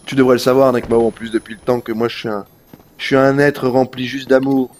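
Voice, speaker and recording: A man's voice: medium pitch, fairly quick, a little hiss or hum. A man streaming a video game live, chatting straight to his viewers with casual swearing. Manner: animated, talks straight to chat, swears casually. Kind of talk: live gameplay commentary.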